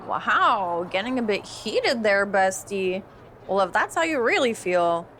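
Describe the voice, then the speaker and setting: Acting out a game cutscene, this woman plays a conceited young wrestler who is breezy and smug, gushing sweetly while slipping in passive-aggressive jabs. Her mid-range voice is sing-song and fairly bright, paced a little slowly. Slight noise sits in the background.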